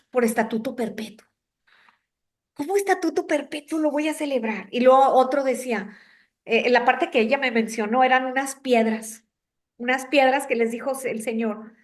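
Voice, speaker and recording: A middle-aged woman giving a women's devotional talk, speaking conversationally and asking her listeners questions. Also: high voice. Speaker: devotional teacher for a women's group.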